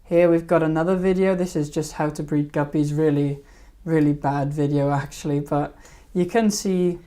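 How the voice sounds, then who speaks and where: A woman's voice: low-pitched, fairly even intonation, moderate pace, dark tone. A woman hosting a fishkeeping live stream, rambling casually and hesitantly over her old videos. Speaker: fishkeeping channel host.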